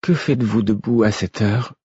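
A man's voice: on the low side, moderate pace, darkish tone, husky, dry recording, lo-fi sound, voice pushed up. A man reading aloud and voicing an exhausted young mother who sounds weary and distressed. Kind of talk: audiobook reading.

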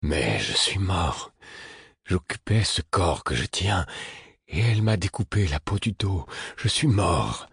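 A man's voice: low-pitched, lively intonation, slow, vocal fry, a bit bright, slightly rough, no echo, studio quality, heavily acted. A sobbing, bewildered man, as a male reader puts him on. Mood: anguished. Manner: plaintive, broken by sobs.

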